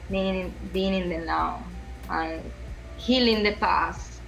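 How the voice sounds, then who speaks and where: A woman from Venezuela, guesting on a podcast, speaks slowly in a fairly low voice with vocal fry and a slightly bright quality, her Venezuelan Spanish accent clear. In this conversational interview she earnestly repeats and restarts phrases while reaching for words. Faint music sits behind her, and the audio is poor.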